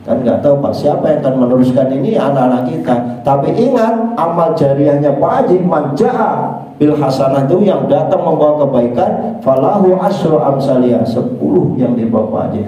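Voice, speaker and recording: Older East Javanese preacher, dark-toned man, joking with his congregation, heavy room echo. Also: on the high side, expressive, normal speed, far from the mic, muffled recording. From East Java. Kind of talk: dawn religious talk. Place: prayer room. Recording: very echoey prayer room.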